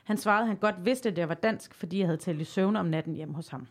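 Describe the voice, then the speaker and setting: A woman in her thirties from southern Denmark, casually telling stories in a podcast quiz game, lively and laughing as she talks. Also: on the low side. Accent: Danish, from southern Jutland. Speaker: podcast guest.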